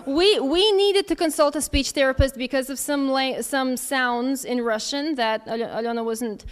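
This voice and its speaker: A woman in her thirties with a high voice answers audience questions at normal speed. Her casual Q&A is candid and conversational, and she thinks aloud as she goes.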